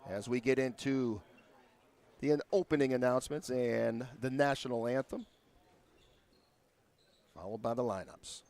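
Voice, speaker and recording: A man's voice: mid-range voice, a little slow, long pauses, a little mellow. A man giving basketball commentary as a play-by-play broadcaster.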